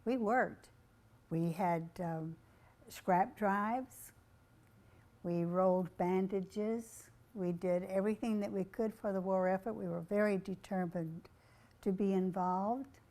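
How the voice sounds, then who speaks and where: A woman's voice: medium pitch, fairly even intonation, takes it slowly, warm tone. An older woman giving an earnest, reflective oral history of wartime home life.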